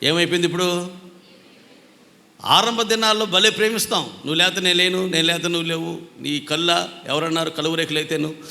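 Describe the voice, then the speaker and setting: A man's voice: on the high side, fast, creaky, bright, forceful tone. A man preaching a sermon as pastor, telling stories, acting out quarrels and now and then breaking into sung lines. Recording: echoey hall reverb.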